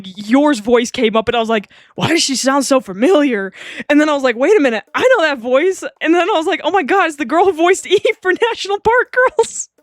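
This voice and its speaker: A woman's voice: fairly high pitch, no echo. Giggly streamer woman, close mic. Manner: giggly, rambling, swears freely. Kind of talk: live-stream game commentary.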